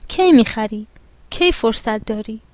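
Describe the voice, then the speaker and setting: A woman's voice: fairly high pitch, no room sound, lightly acted. A woman doing an eager little girl. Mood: pleading. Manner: pleading, excited questions. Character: young girl, eager and persistent.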